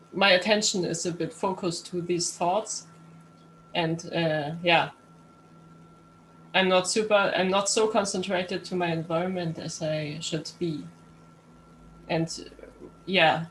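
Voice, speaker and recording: A woman's voice: fairly low pitch, a little hiss or hum, poor audio. A woman playing a tabletop game, speaking thoughtfully and searching for her words. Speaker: player. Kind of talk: casual in-character chat.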